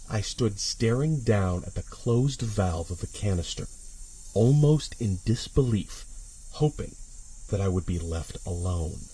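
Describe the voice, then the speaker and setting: Over poor audio, a man with a husky, lowish voice recounts a horror story from his own perspective. The telling is dramatic and suspenseful: measured, with whispered lulls that rise into intense peaks.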